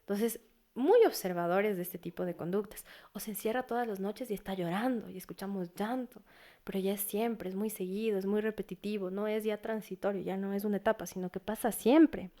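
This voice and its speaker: A woman's voice: medium pitch, fairly even intonation, brisk, mellow. A woman psychologist speaking as a guest, earnest and advising, who sometimes acts out what parents and teens might say. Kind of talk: casual interview talk.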